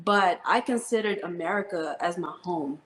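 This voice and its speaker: A woman's voice: fairly low pitch, normal speed, fairly bright tone. Earnest woman in an echoey room. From Philippines, raised in New Jersey. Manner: earnest, heartfelt storytelling with fillers. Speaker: Army first sergeant, guest. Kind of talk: interview conversation.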